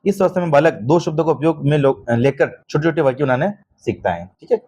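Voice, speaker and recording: Hindi-speaking male teacher, raised pitch. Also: lively intonation, fairly quick, mellow. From Rajasthan. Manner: explains by asking checking questions, calls students "beta". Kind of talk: exam-prep lecture.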